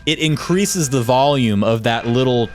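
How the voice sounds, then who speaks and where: A man with a cold, hoarse and nasal, giving chatty, excitable let's play commentary. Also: mid-range voice, measured pace, soft background music. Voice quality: chatty, excitable, laughs often. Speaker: gaming YouTuber.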